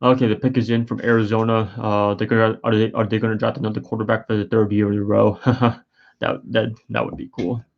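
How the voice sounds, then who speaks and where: A fairly low-pitched man talks through a casual live stream, sleepy and yawning. He rambles and hesitates, restarting his sentences and filling gaps with ums and uhs. The audio is dull and lo-fi. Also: flat delivery, fairly quick, gravelly. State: tired and yawning. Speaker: sports streamer.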